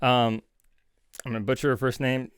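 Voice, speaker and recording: A man's voice: medium pitch, flat delivery, normal speed, clean tone, no room sound, studio quality. A man co-hosting a podcast in casual chat, joking and chuckling between remarks. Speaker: podcast co-host.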